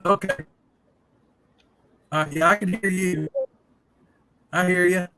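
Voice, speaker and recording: A man's voice: sits high, steady tone, takes it slowly, bright, forceful tone. A man, talking casually on a live call whose audio keeps cutting out and glitching. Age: 60s. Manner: easygoing, repeats himself while checking the line. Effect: choppy audio cutting out on a bad connection. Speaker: guest telling Bigfoot stories. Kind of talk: casual chat over a live video call.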